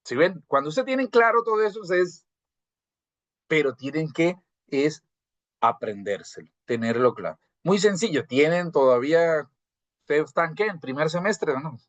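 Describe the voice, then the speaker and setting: A man's voice: a little high, animated, moderate pace, dry recording. A teacher lecturing his class over a video call. He keeps the students with him through questions and little check-ins, restarting words as he goes. The audio is dry and slightly dull, like a laptop mic. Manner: asks rhetorical questions and checks in with "¿cierto?"; repeats and restarts words while explaining. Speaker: university teacher. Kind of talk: live online grammar lecture.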